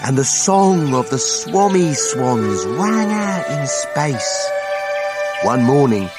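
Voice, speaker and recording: A man's voice: mid-range voice, sing-song, slow. A man voicing a secretive old recluse in a children's storybook, telling his past theatrically and stretching words with relish. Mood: wistful. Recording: audiobook cassette with music behind.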